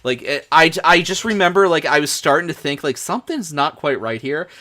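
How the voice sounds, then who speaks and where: A young man streaming, chatting casually in an excitable, rambling way. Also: on the high side, a little fast. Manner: rambling, excitable, many fillers and restarts. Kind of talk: casual chat.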